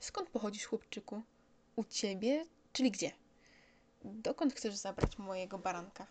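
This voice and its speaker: A woman's voice: medium pitch, lively intonation, a little slow, noisy background, close to an everyday voice. A woman voicing a grown man, a proud and patient pilot, explaining plainly.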